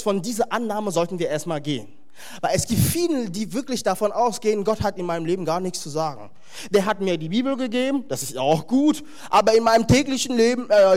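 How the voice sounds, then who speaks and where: A man preaching a sermon to a congregation, emphatic and animated, with wry humorous asides. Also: high-pitched.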